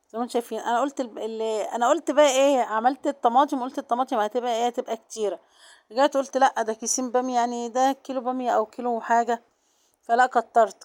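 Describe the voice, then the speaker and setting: A woman with an Egyptian Arabic accent and a soft, low-volume voice, chatting directly to viewers in a casual vlog. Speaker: vlogger.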